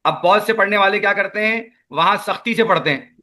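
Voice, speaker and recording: In an online Quran recitation class, a man with a Pakistani Urdu accent patiently and slowly repeats sounds for his students to echo back. His voice is high-pitched, bright and forceful.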